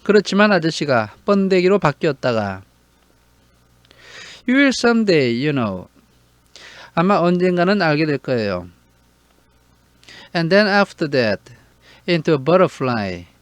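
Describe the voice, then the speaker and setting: A man teaching a storybook, reading each English line slowly and then translating it. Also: on the high side, big pitch swings, smooth, dry recording, lo-fi sound. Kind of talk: slow read-aloud lesson with line-by-line translation.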